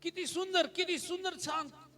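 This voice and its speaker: A man preaching a sermon as pastor, mixing in English phrases, building to shouted emphasis and calling out hallelujah. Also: very high-pitched, fairly even intonation, moderate pace, soft background music.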